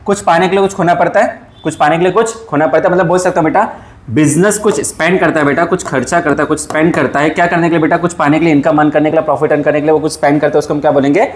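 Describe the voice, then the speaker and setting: A fairly high-voiced man teaches a class in an echoey room. He talks to his students fondly, asks them questions and answers them himself. He says the key terms more than once. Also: fairly even intonation, rapid-fire. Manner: calls students "beta". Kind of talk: classroom lecture.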